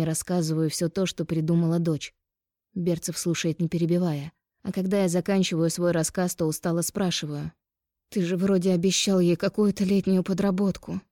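A woman's voice: on the low side, warm tone, no echo, studio quality. A woman narrating a first-person novel as an audiobook, with intense, emotional delivery.

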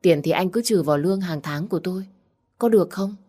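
Low-voiced woman narrating a story. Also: quick pace, warm tone. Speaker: audiobook narrator. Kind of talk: first-person story narration.

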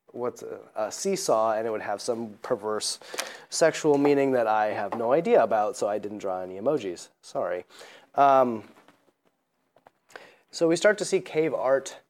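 A man's voice: mid-range voice, darkish tone. A man giving a classroom lecture, rambling with many fillers and joking asides.

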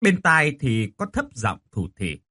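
A man reading a horror audiobook with an expressive, dramatic delivery. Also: medium pitch, measured pace, slightly rough. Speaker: narrator.

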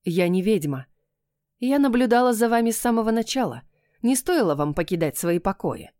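A woman's voice: fairly high pitch, lively intonation, normal speed, dark tone, dry recording, studio quality, close to an everyday voice. A woman voicing a cunning, dangerous female fairy in an audiobook, with a cool, taunting manner. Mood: mocking.

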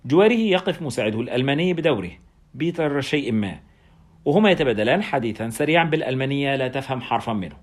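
A male narrator reads a first-person story at a fast clip. His pitch sits mid-range, and his telling stays brisk and wry throughout. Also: expressive.

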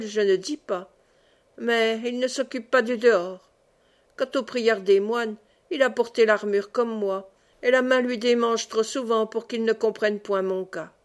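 A woman's voice: fairly high pitch, steady tone, unhurried, close to an everyday voice. A woman reading the lines of a jovial, talkative male monk who rambles from one tale to another in an audiobook. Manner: rambling, digressive, pleading.

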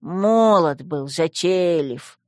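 A man's voice: on the high side, expressive, darkish tone, no echo, clean studio sound. A man voicing the talking skull of an old wizard, grumpy and self-important, in an audiobook. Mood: grumbling. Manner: grumbling, slow and pompous.

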